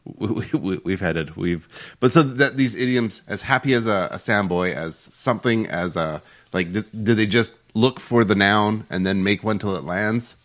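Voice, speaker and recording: A man's voice: fairly low pitch, normal speed, fairly bright tone. A man co-hosting a casual chat, playful, trailing off and laughing often. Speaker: co-host.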